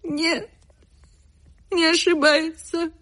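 A woman's voice: very high-pitched, steady tone, drawn-out words, fairly bright tone, voice pushed up, exaggerated voice. A woman voicing a peasant maid who laments in a tearful, sing-song voice. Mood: lamenting.

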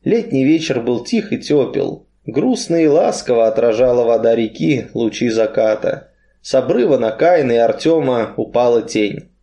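A man reading literary prose aloud as a storybook narrator, in a measured, expressive way. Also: medium pitch.

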